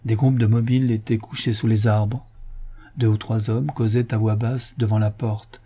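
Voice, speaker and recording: A man narrating a classic novel in a measured literary reading. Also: fairly low pitch, flat delivery, warm tone, slight background noise. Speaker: audiobook narrator. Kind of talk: scripted narration.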